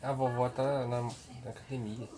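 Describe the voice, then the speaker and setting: A man's voice: medium pitch, little pitch movement, normal speed. A man, chatting playfully with his baby in a home video, teasing her in baby talk. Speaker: father talking to his baby. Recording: home video with loud background noise.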